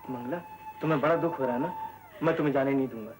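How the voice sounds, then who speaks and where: A man's voice: on the high side, rapid-fire, music in the background, lightly acted. An actor playing a kind young man who speaks with concern and soothes, from an old film soundtrack. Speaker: young man, son of the house. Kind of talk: 1960s film acting.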